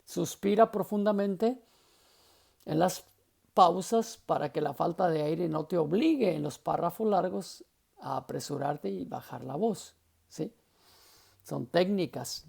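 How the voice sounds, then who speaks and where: Male instructor, husky and unhurried, patient lecture tone that checks in with the class. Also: on the high side, darkish tone. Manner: explanatory, often checks understanding with short questions. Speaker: homiletics teacher.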